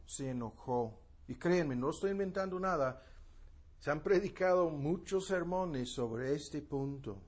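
A high-voiced man delivers a sermon at an unhurried pace. His voice is husky, and he repeats key phrases with emphasis as he works through a Bible passage. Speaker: preacher.

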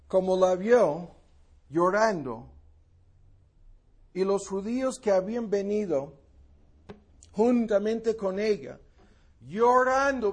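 A man preaching a sermon, explaining a Bible passage slowly and with emphasis, repeating key phrases for his listeners. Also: sits high, a little mellow.

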